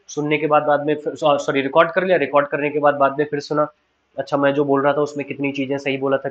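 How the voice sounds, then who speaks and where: An Indian man teaches a spoken English lesson in an earnest, encouraging tone, driving each tip home by repeating it. His voice sits a touch higher than most men's. The recording sounds slightly dull and lo-fi. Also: a bit bright. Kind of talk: online class lecture mixing Hindi and English.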